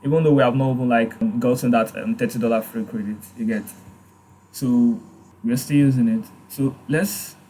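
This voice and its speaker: A man hosting a casual software tutorial, hesitant, with many fillers and restarts. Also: medium pitch, steady tone, moderate pace, slight background noise. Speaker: tutorial host. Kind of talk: casual screen-recorded tutorial.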